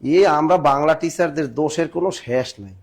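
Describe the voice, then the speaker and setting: A man teaching grammar in a live online class, urging students to answer fast and joking between questions. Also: on the high side, gravelly, darkish tone. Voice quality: sings snatches of songs in class.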